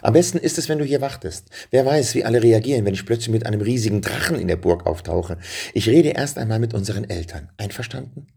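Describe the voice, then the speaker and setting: A man voicing a brave, hopeful young boy riding a dragon in a storybook, with a gravelly voice and eager calls. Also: on the low side, expressive, quick pace, hardly any pauses, darkish tone, exaggerated voice. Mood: reassuring.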